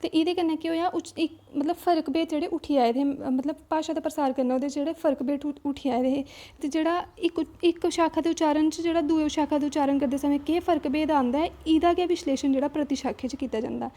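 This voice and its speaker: A woman with a Dogri accent teaching an exam-prep lesson in a high, mellow voice. She explains step by step, often stopping to check in and restarting her sentences. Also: steady tone, fast talker, few pauses.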